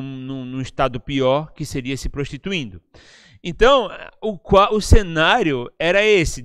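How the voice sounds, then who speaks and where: A Brazilian Portuguese-accented man delivers a relaxed, conversational sermon at a church service. His voice sits a touch high and sounds smooth and resonant. The sound is close and dry, and he keeps checking in with his listeners as he goes. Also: dry recording. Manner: chatty, tags lines with questions to the listeners. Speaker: preacher. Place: church service, live-streamed.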